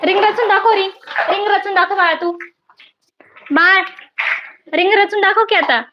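A mother with a high, light voice plays with her toddler at home, gently coaxing and praising each small step. The recording is muffled and lo-fi. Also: normal speed, heavy background noise. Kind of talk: live-streamed playtime talk with a small child.

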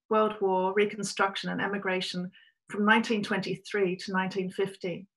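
A middle-aged Australian writer delivers a prepared, reflective talk to camera over a webcam in a small room. Her storytelling is measured, and her medium-pitched voice is a bit bright. The audio quality is poor.

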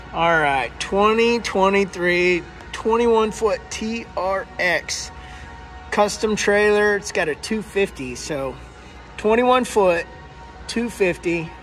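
A man casually filming a first-person walkthrough vlog in a large indoor boat showroom, talking in an excited, exclaiming, chatty way. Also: on the high side. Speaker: fishing vlogger touring a boat.

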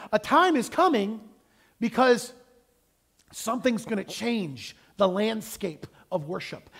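A man preaching an animated, emphatic sermon in a church, acting out quoted lines as he goes. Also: sits high. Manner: plays guitar. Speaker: pastor.

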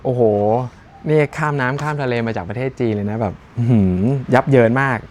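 A man's voice: medium pitch, fast, slight background noise. A man chatting casually while unboxing running shoes, joking and thinking aloud with many fillers. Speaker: running shoe reviewer.

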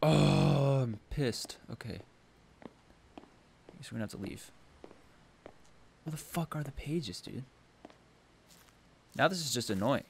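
A man's voice: mid-range voice, expressive, unhurried, pauses often, a bit bright, slight background noise. A man streaming a horror game from his own room, talking to himself, jumpy and swearing often as he plays. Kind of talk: live game commentary.

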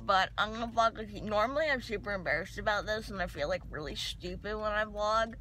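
A teenage girl vlogging from a car after dental surgery, loud, giddy and rambling, her mouth full of gauze. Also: mid-range voice, a little fast, a little hiss or hum, rough recording. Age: teens. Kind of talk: casual vlog chat.

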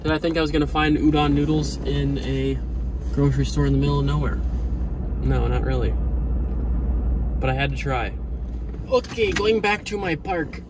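A man's voice: a little high, normal speed, long pauses, heavy background noise. A young man vlogging about his life in a truck, talking to himself in a dry, joking mumble, filmed on an action camera. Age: young adult. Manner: mumbled wry self-talk, dry jokes. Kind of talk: casual self-talk vlog. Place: inside a pickup truck and outdoors in a park. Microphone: action camera on the dash or held.

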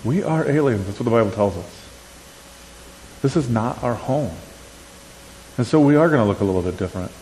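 A man's voice: mid-range voice, a little fast, pauses often. A middle-aged man with an Upper Midwestern accent, giving a conversational sermon and asking the crowd questions. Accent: Upper Midwestern American. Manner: animated, asks the crowd questions, gestures while talking. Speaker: conference speaker. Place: church sanctuary. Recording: church hall with long reverb, faint hiss.

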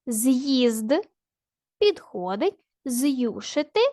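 A woman teacher giving a recorded grammar lesson to children, slowly and deliberately spelling out the parts of each word. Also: high-pitched, expressive, dark tone, dry recording, studio quality.

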